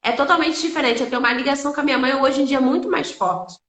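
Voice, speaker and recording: A woman's voice: high voice, quick pace, a bit bright, reverberant. A woman giving an earnest, emotional faith testimony on a live stream, repeating phrases for emphasis.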